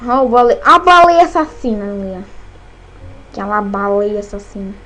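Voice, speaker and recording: A woman with a Brazilian Portuguese accent, excitedly commentating her own gameplay, cursing and shrieking at every scare. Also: mid-range voice, moderate pace, low-quality recording. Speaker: gameplay channel host.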